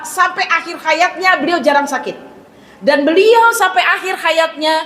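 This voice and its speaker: A middle-aged woman giving a mosque sermon, telling stories in a lively way and often speaking straight to the congregation. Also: high-pitched. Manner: lively storytelling, addresses the congregation constantly; acts out dialogue in raised voice. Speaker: preacher. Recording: echoey hall with faint ambience.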